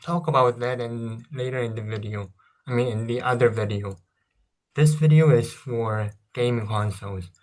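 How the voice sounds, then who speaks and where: Medium-pitched with a darkish tone, this vlogger's voice belongs to a South Korean man in his thirties. He speaks English as a second language, with a Korean accent, while rambling through a casual console review. He hesitates a lot and keeps correcting himself.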